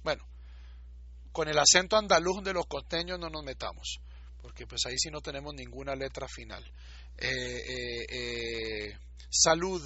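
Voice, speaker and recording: A man's voice: mid-range voice, moderate pace, bright, forceful tone, breathy edge, dull audio. A man giving a recorded lecture, explaining patiently and repeating words to show how they are pronounced. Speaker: teacher.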